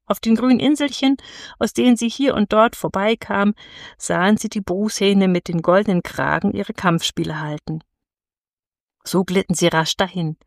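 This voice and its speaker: A woman narrating a fairy tale in a gentle, measured storytelling voice. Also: medium pitch, no echo, studio quality.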